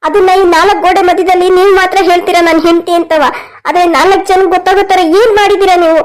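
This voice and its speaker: A woman's voice: very high voice, steady tone, fast. A woman voicing a tearful young wife in a cartoon story, crying through hurt, pleading complaints. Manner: sobbing complaints.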